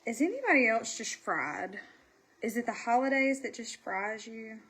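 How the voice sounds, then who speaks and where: A woman's voice: a little high, expressive, normal speed, a bit bright, slightly rough, rough recording. A woman with a Southern US accent and a stuffy, congested voice, chatting casually on a livestream in a folksy, self-deprecating way. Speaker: livestream host selling makeup. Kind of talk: casual livestream chat while doing makeup.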